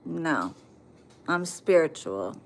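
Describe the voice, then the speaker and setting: A low, creaky, very animated female voice speaks slowly in this casual livestream chat. The American streamer reads her viewers' comments and fires back bluntly, with plenty of profanity.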